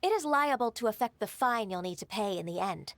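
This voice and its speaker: A woman voicing a gentle, dutiful young secretary in a game, soft-spoken and formal. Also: mid-range voice, animated, fairly quick, no room sound.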